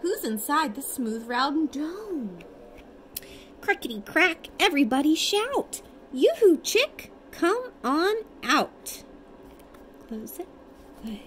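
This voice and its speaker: A mother in her thirties reads a bedtime storybook to her toddler in a high, swooping, sing-song voice, lively and encouraging. She goes slowly and pauses often. The audio comes from a phone held at arm's length at home, with faint noise in the background.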